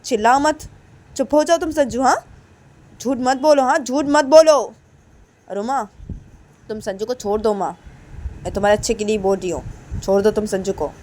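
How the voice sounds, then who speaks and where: A woman's voice: a little high, steady tone, moderate pace, pauses often, a little mellow, close to an everyday voice. Woman playing a stern middle-aged mother, scolding, raised voice, faint traffic noise.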